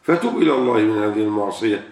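A man's voice: fairly low pitch, expressive, rapid-fire, a little mellow. An older man with an Egyptian Arabic accent, a sheikh answering questions in a religious sermon, who asks rhetorical questions and repeats key words for emphasis. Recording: echoey room, far from the mic.

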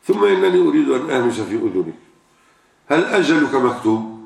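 Older man, Egyptian Arabic accent, preaching sheikh, rhetorical questions, very gravelly, echoey distant mic. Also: mid-range voice, sing-song, quick pace. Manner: asks rhetorical questions and repeats key words for emphasis. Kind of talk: religious question-and-answer sermon. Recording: echoey room, far from the mic.

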